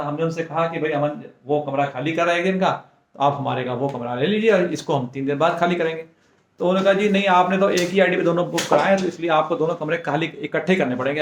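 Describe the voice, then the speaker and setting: A man's voice: on the high side, echoey room. Chatty man vlogging on his phone. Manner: chatty, addresses viewers directly. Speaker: travel vlogger. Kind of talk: casual travel vlog narration.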